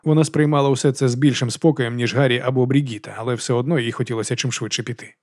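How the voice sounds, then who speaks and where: A man reading a novel aloud as an audiobook narrator, in brisk, even storytelling. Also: mid-range voice, dry recording, studio quality.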